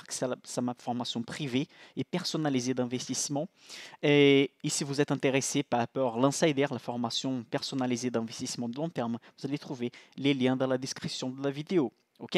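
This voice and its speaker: A man's voice: medium pitch, no echo, studio quality. A man with a Brazilian accent, Portuguese his first language, hosting a live-streamed investing class in a casual, chatty way that keeps checking in with listeners. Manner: chatty, repeats "ok?" and restarts. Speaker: livestream host, financial analyst.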